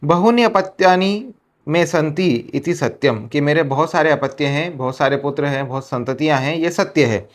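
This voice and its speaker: An Indian man teaching a Sanskrit textbook lesson, reading each line and then restating it slowly several ways in Hindi. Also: a little high.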